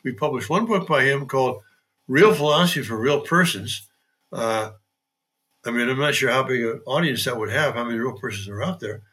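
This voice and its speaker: An older man, a priest, hosting a podcast interview, with dry humor and frequent throat clearing. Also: medium pitch, lively intonation, brisk, sharp tone. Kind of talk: conversational interview.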